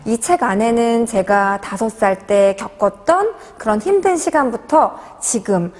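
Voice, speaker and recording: A woman in her forties talks through her answers in an interview, earnest and halting, full of little fillers. Her voice sits a touch high, and a long reverb trails behind it in the room. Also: a little mellow. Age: 40s. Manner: earnest, hesitant with many fillers. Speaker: author being interviewed.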